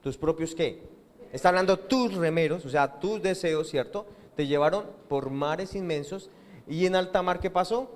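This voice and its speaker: The long reverb of a church hall surrounds this pastor's sermon, delivered in a fairly high, darkish voice at normal speed. Speaking with a Colombian Spanish accent, he questions the congregation and gets their answers back.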